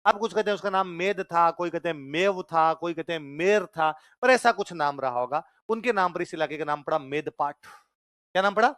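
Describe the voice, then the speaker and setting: A man's voice: sits high, a bit bright, no room sound, studio quality. A man with a Rajasthani Hindi accent teaching a history class, asking the class questions again and again and drifting into story asides. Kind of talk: classroom lecture with call-and-response questions.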